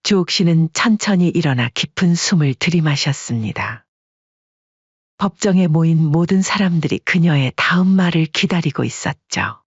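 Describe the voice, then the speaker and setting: A narrator with a husky, mid-range voice tells a story in even, measured tones. The sound is dry and close, though slightly muffled, like lo-fi audio.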